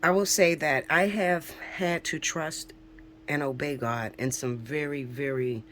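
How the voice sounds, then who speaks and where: A woman's voice: deep voice, steady tone, a little slow, a bit bright, slight background noise. A woman in her forties, a spiritual reader talking casually and emphatically to viewers, swearing freely and often checking in with "okay?". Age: 40s. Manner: emphatic, preachy, swears, keeps asking "okay?". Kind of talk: casual spiritual vlog talk.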